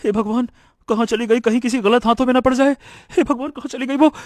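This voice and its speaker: A man's voice: very high voice, steady tone, fast, no room sound, studio quality. A man voicing a remorseful young village man in a cartoon, distraught and tearful. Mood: panicked.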